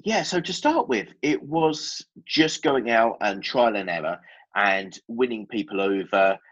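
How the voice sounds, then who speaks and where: A man's voice: mid-range voice, animated, unhurried, highs cut off. A man with an Essex accent giving candid, explanatory answers as a guest in a conversational interview. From Essex, England. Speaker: podcast guest, business owner.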